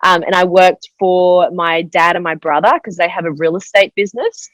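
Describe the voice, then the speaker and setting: Young woman, low-pitched, dry close sound, chatty interview guest. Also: steady tone, normal speed, fairly bright tone, dry recording, poor audio. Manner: chatty storyteller, fills speech with 'like'. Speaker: podcast guest. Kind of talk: casual interview chat.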